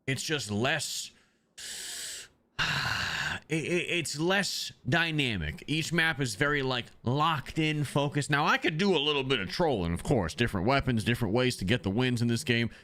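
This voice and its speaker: A man's voice: mid-range voice, lively intonation, moderate pace, sharp tone. A man chatting loosely to his viewers as a streamer, rambling with many ums, speaking into a desk microphone. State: has the hiccups. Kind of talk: casual livestream chat.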